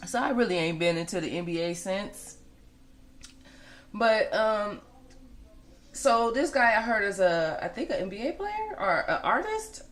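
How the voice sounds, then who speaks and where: A woman's voice: mid-range voice, very animated, measured pace, pauses often, fairly bright tone. An American woman of forty giving casual gossip commentary in a blunt, conversational way, repeating points for emphasis.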